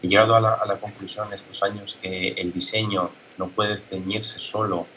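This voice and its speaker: An Italian man, a native Italian speaker, giving a conference talk as a guest speaker, halting, with many fillers and restarts. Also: on the low side, little pitch movement, bright, forceful tone, slight background noise, low-quality recording. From Italy.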